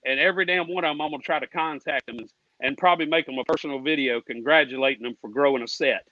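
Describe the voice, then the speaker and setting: Heated ranting comes from an American man guesting on a racing fan show: fairly high pitch, quick pace, a combative and indignant tone, and lots of swearing. His folksy speech leans on "ain't" and "y'all." No room sound is audible, and the highs are cut off.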